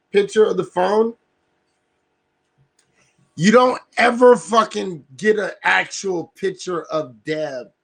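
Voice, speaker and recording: A man on his livestream talks slowly in a high, gravelly voice, rambling through a profane plan. He keeps checking in with his listeners, and a husky rasp runs under his words. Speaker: livestream host. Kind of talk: casual livestream rant.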